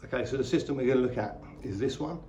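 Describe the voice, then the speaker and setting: A middle-aged man vlogs a casual unboxing and review of motorcycle gear, chatty and plain-spoken. He talks quickly in a medium-pitched, dark voice. The recording is muffled with slight background noise.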